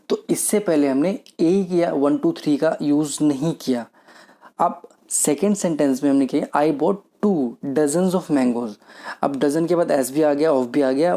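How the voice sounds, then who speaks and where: A man teaching a grammar lesson in a mellow, relaxed voice. He poses questions and answers them himself. He slows right down whenever he reads out an example sentence. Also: fairly high pitch.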